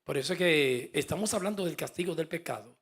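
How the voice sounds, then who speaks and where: A male pastor preaching a fervent sermon, swinging from soft asides to emphatic calls. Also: a little high, expressive, a little fast, husky.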